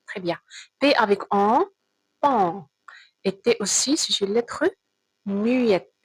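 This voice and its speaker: Slow, husky woman teaching children to read. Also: mid-range voice, expressive, no echo, low-quality recording. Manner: slow, careful, repeats words and sounds. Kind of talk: children's reading lesson.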